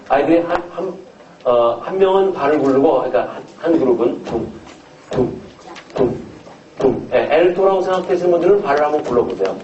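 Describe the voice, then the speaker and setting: A man's voice: mid-range voice, dark tone, a little hiss or hum. A man conducting a choir rehearsal, explaining casually and counting the singers in. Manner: explains casually, counts in and sings demonstration phrases. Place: rehearsal room. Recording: echoey room from far off, dull sound.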